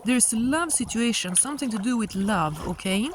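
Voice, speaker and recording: A woman giving a casual, musing tarot reading outdoors by the water, halting at times and drawing out some words. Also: on the high side, animated. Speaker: tarot reader and host. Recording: outdoor recording with water noise. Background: sound of moving water.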